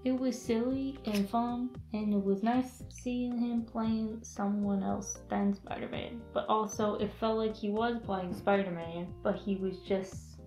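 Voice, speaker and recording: A young woman chats casually at a table, giggly and rambling, sprinkling her sentences with "like." The camera mic sits a few feet off, so the small room adds a noticeable echo. Faint music plays softly behind her. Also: mid-range voice, fairly even intonation, measured pace, few pauses. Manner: chatty and giggly, full of "like" fillers. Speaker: host. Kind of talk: casual chat.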